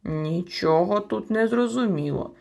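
A woman voicing a clever, haughty male storybook creature who speaks smugly and argues his case, lower than her narration. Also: animated, a little slow, creaky, a little mellow, muffled recording.

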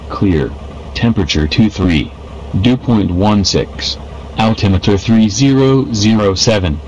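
This is a man's airport weather broadcast, heard through a radio with a muffled, lo-fi sound. His low voice reads each weather figure in the same flat, measured way. A light hiss sits under the broadcast. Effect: airport weather broadcast over radio. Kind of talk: recorded airport information broadcast.

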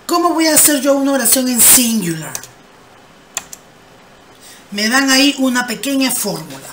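This high-pitched woman, lively in intonation, walks through an English grammar lesson slowly and patiently. Raising rhetorical questions and then answering them, she reads her English examples with slow clarity; faint noise sits in the background.

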